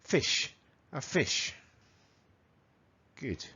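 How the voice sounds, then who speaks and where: A man with a Spanish accent from Spain teaching English vocabulary to children, repeating words slowly and mimicking animal sounds. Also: pushed and bright, dull audio. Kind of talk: bilingual vocabulary lesson.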